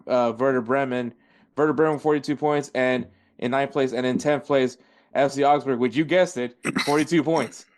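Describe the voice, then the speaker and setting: A man's voice: medium pitch, a little mellow. Chatty male football podcast host. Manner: rambling, self-correcting, reads out stats. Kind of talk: casual football podcast talk.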